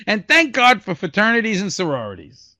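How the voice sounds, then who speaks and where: A man's voice: high-pitched, pushed and bright. A man co-hosting a comedy podcast, cracking jokes and laughing at his own puns. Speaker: podcast co-host. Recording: dull lo-fi podcast audio.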